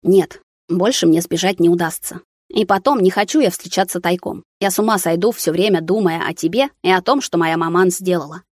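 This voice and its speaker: A woman's voice: fairly low pitch, brisk, darkish tone, lightly acted. A woman reading as an ardent young man. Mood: tender, insistent. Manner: earnest, persuasive. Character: young male student, ardent and decisive.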